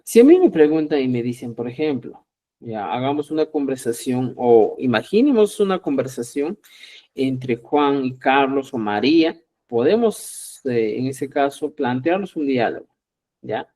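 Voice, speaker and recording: A middle-aged man leads a live online language lesson in a lively, talkative way. He plays both speakers in short sample dialogues, lifting his voice for each question. He keeps checking in with his viewers and calls them dear friends. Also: mid-range voice, a little slow. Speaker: Quechua language teacher.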